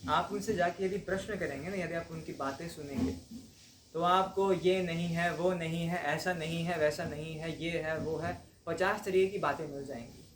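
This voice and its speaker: A spiritual teacher with a fairly high, fairly bright voice leads a devotional class before a live audience, speaking conversationally and frequently checking in with his listeners. His tone is steady and his pace moderate. The roomy hall adds faint ambience and slight background noise.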